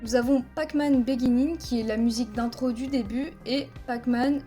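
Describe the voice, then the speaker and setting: This screen-recorded software tutorial features a woman teaching video editing over a headset mic, counting frames aloud as she plainly explains each step. Her warm voice is on the high side, her pace moderate, and soft music plays behind her.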